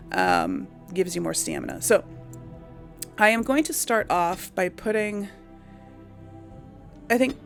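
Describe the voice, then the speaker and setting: A gaming host with a creaky, mid-range voice rambles through informal game commentary, addressing her audience and thinking out loud. Music plays in the background.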